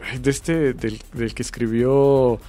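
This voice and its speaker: A man's voice: medium pitch, steady tone, slow pace, dark tone, faint music behind. Rambling man chatting about film. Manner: rambling, hesitant, many fillers. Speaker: podcast co-host. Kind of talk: casual chat about film awards.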